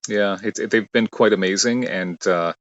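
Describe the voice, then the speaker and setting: A man's voice: fairly low pitch, moderate pace, highs cut off. A man from Canada, a radio host and ring announcer, chatting eagerly in an interview from a studio, with many fillers and restarts. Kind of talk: casual interview chat.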